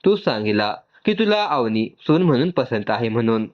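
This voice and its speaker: A man reading as a gentle young man. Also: mid-range voice, very animated, moderate pace, highs cut off, lightly acted. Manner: soothing, apologetic.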